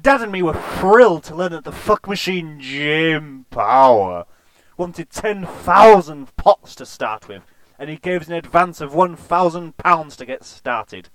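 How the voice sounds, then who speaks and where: A man reading an absurd, crude comic story in a deadpan way. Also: a little high, a little slow, no room sound.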